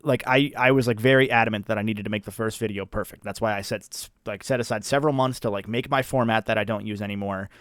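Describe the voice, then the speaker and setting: Low-voiced man chatting on a livestream. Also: fairly even intonation, a bit bright, no room sound, clean studio sound. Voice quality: practised character speaking voice. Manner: deliberate, halting, self-correcting. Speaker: video creator hosting an anniversary livestream. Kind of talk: casual livestream chat.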